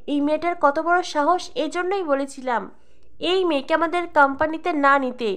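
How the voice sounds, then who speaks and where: A woman's voice: sits high, fairly quick, a bit bright. A woman reading the lines of a scornful young woman in a sneering manner.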